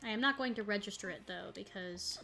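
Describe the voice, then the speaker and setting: A woman with a mid-range, gravelly, bright voice streams a video game, speaking briskly and forcefully. She chats casually and rambles while playing, often bursting into laughter, with soft music in the background.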